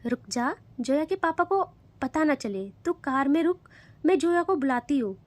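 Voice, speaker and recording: Brief: woman voicing a kind, coaxing young woman, soft and high. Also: animated, moderate pace. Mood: urgent. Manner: gentle, coaxing. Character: calm, caring young woman who soothes others.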